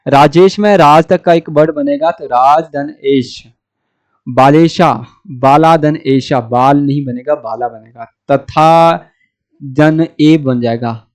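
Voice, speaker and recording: A man's voice: on the high side, takes it slowly. A man with a Hindi accent teaching a grammar lesson, walking through each example step by step and asking himself rhetorical questions. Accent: Hindi, North India. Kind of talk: blackboard lesson explaining grammar.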